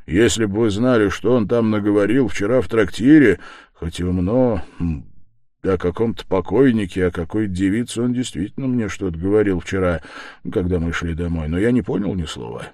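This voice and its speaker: A man's voice: low-pitched, a little fast, warm tone, no echo, clean studio sound, close to an everyday voice. A man reading aloud voices a thoughtful young man who speaks plainly.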